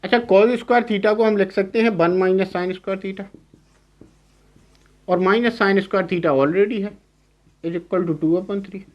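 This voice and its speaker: A young man teaching math in a lecture, explaining step by step and often asking "clear?" to check. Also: high voice, steady tone, measured pace, long pauses, dull audio. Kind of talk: classroom lecture on trigonometry.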